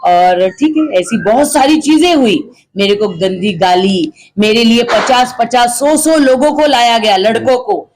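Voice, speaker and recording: A middle-aged woman speaks as a local social activist being interviewed. She talks forcefully and with indignation, hammering her points home through repetition. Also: on the high side, a little slow, noisy background. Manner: forceful and indignant, repeats phrases for emphasis. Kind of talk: interview answers.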